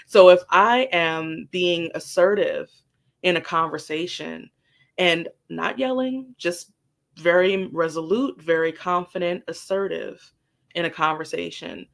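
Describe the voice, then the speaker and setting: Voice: mid-range voice, measured pace, gravelly. A guest telling a personal work story candidly and animatedly, swearing casually. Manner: animated, acts out quoted dialogue, swears casually.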